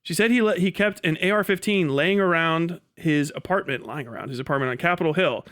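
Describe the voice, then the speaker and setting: This livestream host and commentator has a voice on the high side, a bit bright, and talks fairly quickly. He reads things aloud and riffs casually, sounding incredulous and swearing freely while performing mocking made-up dialogue.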